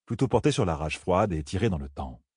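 A man narrating a fantasy novel in a measured storytelling manner. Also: low-pitched, very animated, darkish tone, husky, dry recording. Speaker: audiobook narrator. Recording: dry close studio sound.

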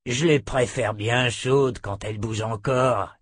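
A man's voice: medium pitch, steady tone, measured pace, breathy edge, dry recording, clean studio sound. A man voicing a cruel, sneering enemy soldier in an audiobook, mocking and smug. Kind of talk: audiobook character voice.

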